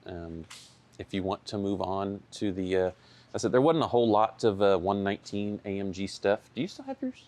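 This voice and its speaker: Deep-voiced man giving a casual tech talk. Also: moderate pace. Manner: relaxed, conversational, with many fillers. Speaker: shop owner presenting a tech session. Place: event room.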